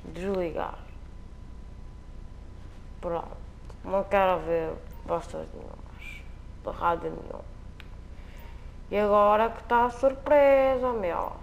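A man's voice: high voice, fairly even intonation, slow pace, creaky, long pauses, slight background noise. A man with a European Portuguese accent giving joking, slangy commentary while playing a video game. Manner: joking, slangy, repetitive banter. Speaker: gameplay commentator. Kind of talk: casual gameplay commentary.

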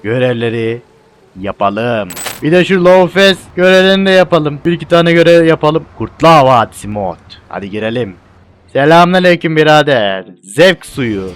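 Excitable young man narrating gameplay. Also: on the high side, moderate pace. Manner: excitable, joking, loud exclamations. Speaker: gameplay YouTuber. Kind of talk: casual let's-play commentary.

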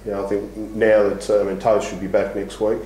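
A man's voice: lowish voice, little pitch movement, fairly quick, warm tone. A middle-aged man, a basketball coach speaking frankly at a post-match press conference, with many fillers and restarts. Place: small press room before a sponsor backdrop. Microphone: table mic on a stand. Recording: echoey room with faint hiss.

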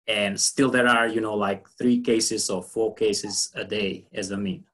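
A man's voice: on the low side, fairly even intonation, measured pace, fairly bright tone. A young man from Albania asks a question over a video call, hesitant and full of fillers. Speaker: caller asking a question.

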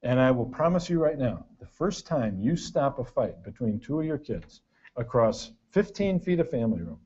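Very animated and slightly rough, the older man's medium-pitched, darkish voice moves at a moderate pace. He's a parenting workshop speaker giving the audience a comic lecture built on dry storytelling and punchy lists, recorded in dull lo-fi sound.

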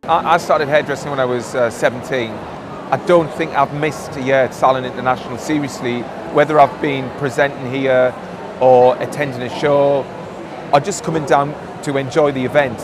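A hairdresser speaking enthusiastically in a vox pop interview at a trade show. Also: male voice, medium pitch, fairly even intonation, moderate pace, music in the background.

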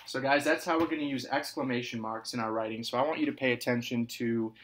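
Man teaching a lively video writing lesson. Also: medium pitch, fast, slight background noise. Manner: repeats each point, lively sing-song emphasis on example sentences; calls the children "scholars". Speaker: kindergarten and first grade teacher. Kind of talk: recorded video lesson for young children.

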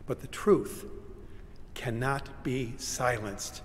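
An older male pastor delivers a sermon at a pulpit, moving between forceful cries and near-whispers. His mid-pitched voice rings with the long reverb of a large church sanctuary. A faint hum of the room sits underneath. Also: fairly even intonation, takes it slowly. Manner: dramatic, swinging between loud cries and hushed whispers.

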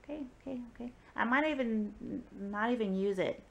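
Laughing woman, gravelly voice. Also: on the high side, fairly quick, muffled recording. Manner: teasing, laughing, exasperated. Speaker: vlogger. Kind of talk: casual chat while playing a word game.

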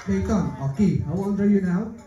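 A man's voice: high-pitched, fairly quick, warm tone, far from the mic, highs cut off. A middle-aged man working as a kids' party magician, playfully hyping up children in simple, repeated phrases over a handheld mic. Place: indoor party room with seated children. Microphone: handheld mic through PA, filmed from audience. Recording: echoey PA in party room, music, children's crowd noise.

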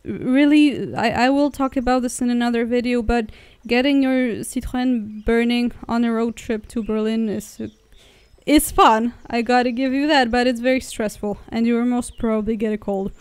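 A woman's voice: fairly high pitch, steady tone, normal speed, darkish tone, clear, resonant tone, dry recording. A young woman from Poland chatting casually as a travel vlogger while riding in a car through the woods, rambling and correcting herself as she goes. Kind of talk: casual vlog narration.

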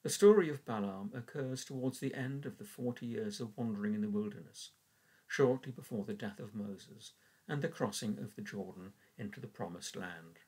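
An older English man, a church warden, reads scripture and leads prayers in a measured, earnest voice from a small room. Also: fairly low pitch, darkish tone, slightly rough, rough recording. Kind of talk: reading and devotional reflection. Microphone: webcam at desk.

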